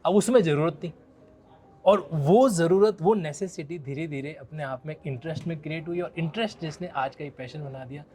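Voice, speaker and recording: A man's voice: a little high, moderate pace, darkish tone. Respectful Indian man in his thirties. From Rajasthan, India. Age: 30s. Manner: respectful, frequently addresses the other as sir. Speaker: law educator. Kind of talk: casual conversation.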